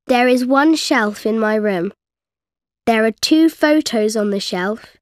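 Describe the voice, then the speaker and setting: A young girl from an English course book, voiced by a woman, speaks in a slightly high voice at a very slow, deliberate pace. Her diction is clear and careful. The sound is dry and close. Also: dry recording. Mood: calm. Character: young girl character reading her text. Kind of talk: slow scripted textbook reading.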